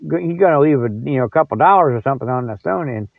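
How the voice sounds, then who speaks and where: Talking very fast in a slightly high, expressive, creaky voice, an older American podcast host rambles through a casual solo chat. He's folksy and jokey, chuckling frequently, captured in a dry, dull lo-fi recording.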